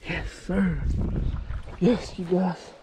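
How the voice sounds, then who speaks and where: A man vlogging a fishing trip outdoors, talking excitedly to his viewers on an action camera. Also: high-pitched, very slow. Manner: excited, talks to viewers as "you guys". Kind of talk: casual outdoor vlog narration. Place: outdoors by a lake on a windy day. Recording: outdoor camera mic with wind noise.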